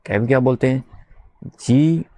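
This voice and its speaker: A man teaching beginners to spell, slowly repeating sounds and letters and asking his listeners questions back. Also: mid-range voice, dark tone, no room sound. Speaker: English teacher. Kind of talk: slow spelling lesson for beginners.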